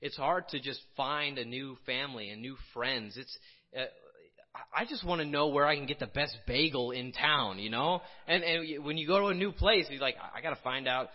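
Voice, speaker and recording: A man from Illinois preaching a casual sermon, conversational and halting, with frequent restarts and fillers. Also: fairly high pitch, dull audio. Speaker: pastor.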